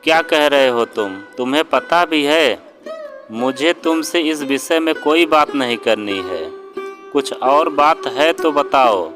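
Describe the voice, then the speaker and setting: A man voicing a young woman, the upset sister-in-law of the story, who answers in sharp, irritated replies. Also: fairly high pitch, expressive, takes it slowly. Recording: guitar music underneath.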